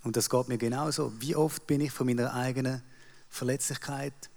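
A Swiss man around forty with a Swiss German accent, giving a theatrical sermon monologue that moves from ironic self-mockery to quiet confession. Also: medium pitch, steady tone, moderate pace, creaky. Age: 40s. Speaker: church staff member speaking on stage. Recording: long hall reverb.

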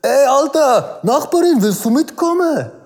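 A man's voice: very high voice, big pitch swings, unhurried, darkish tone, voice pushed up, exaggerated voice. A man doing a brash slangy young guy. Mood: boastful. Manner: slangy, broken grammar, says "Alter" constantly.

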